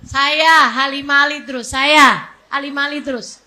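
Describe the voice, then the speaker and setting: A woman in her forties from West Java, preaching a casual sermon with emphatic repetition and lively storytelling. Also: sits high, normal speed, low-quality recording. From West Java, Indonesia. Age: 40s.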